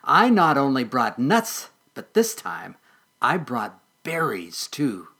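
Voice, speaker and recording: A man's voice: medium pitch, very animated, slow pace, pushed and bright, breathy edge, full character voice. A man voicing a sly, greedy old male mole who talks in a greasy, wheedling way.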